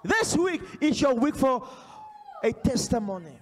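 A man from Namibia preaching a charismatic sermon on a large church stage into a handheld mic, shouting declarations and prophecies while he paces and gestures. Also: very high-pitched, big pitch swings, a little slow, a little hiss or hum. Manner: pacing and gesturing energetically. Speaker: pastor. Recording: long hall reverb.

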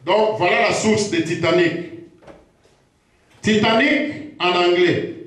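A man preaching a teaching sermon, slow and repetitive, pausing to check himself as he goes. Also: sits high, fairly bright tone. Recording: very echoey room.

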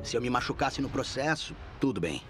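A man with a Brazilian accent voicing an earnest sheriff's deputy in his thirties, in measured documentary interview narration. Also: mid-range voice, lively intonation, music in the background, lightly acted. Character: earnest male sheriff's deputy recounting a rescue.

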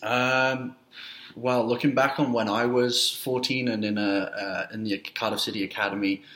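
A young man in his twenties from Wales, a youth soccer coach, answering interview questions in a halting way with many fillers, recorded on a laptop webcam in a small room. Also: medium pitch, flat delivery, fairly bright tone. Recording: roomy webcam audio.

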